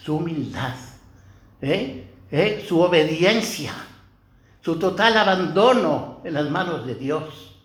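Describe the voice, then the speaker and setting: A man's voice: fairly high pitch, lively intonation, takes it slowly, reverberant. An older man preaching a homily as a priest, talking to his listeners in a conversational way and tossing in rhetorical questions.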